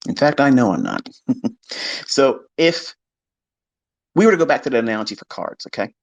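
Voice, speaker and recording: A man lectures on trading in a loose, unscripted live-stream style, blunt and emphatic, with casual swearing. His voice sits in an ordinary middle pitch. The sound is dry and close, with no room echo. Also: very animated, moderate pace, gravelly. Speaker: trading educator.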